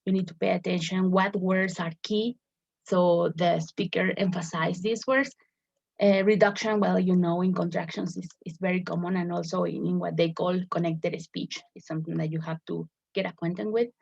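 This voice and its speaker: A woman's voice: fairly low pitch, vocal fry, darkish tone, husky. A woman teacher explaining a lesson step by step, often repeating words as she searches for the phrasing. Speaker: English teacher. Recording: dull lo-fi recording.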